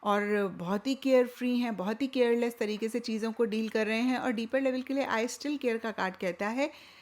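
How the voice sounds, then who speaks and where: A woman's voice: on the high side, moderate pace, darkish tone. A woman giving a tarot reading, talking chattily and mixing Hindi with English phrases, often repeating points for emphasis. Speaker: tarot reader. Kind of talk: tarot reading talk to camera.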